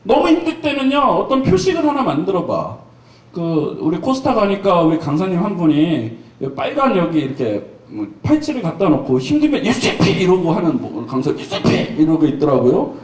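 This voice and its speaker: A male pastor with a high, lively voice preaches to young people, joking and telling stories casually. He sounds distant, and the church hall around him echoes. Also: moderate pace. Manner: playful, joking, colloquial storytelling. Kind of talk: youth revival sermon. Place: church sanctuary.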